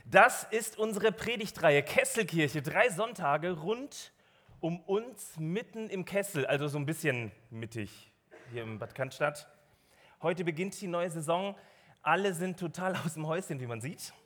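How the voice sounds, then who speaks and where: A man in his thirties hosts a lively church gathering from the stage of a dark club venue. His voice sits a little high, and he jokes with the crowd, calling them to stand and clap. He speaks through a stage microphone. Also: unhurried. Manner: upbeat, joking, directing the crowd. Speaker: church service host.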